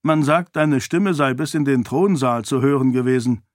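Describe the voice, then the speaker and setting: A man's voice: medium pitch, normal speed, no room sound, clean studio sound, lightly acted. Man voicing a teasing jovial young nobleman. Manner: teasing, laughing.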